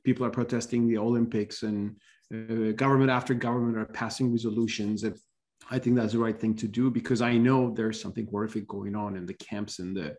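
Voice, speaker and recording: Gravelly Turkish-accented man on a video call. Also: on the low side, steady tone, fairly quick, a little mellow. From Turkey. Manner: earnest, gestures with hands, frequent restarts. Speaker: guest commentator. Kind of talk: video call panel discussion. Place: home office, indoors.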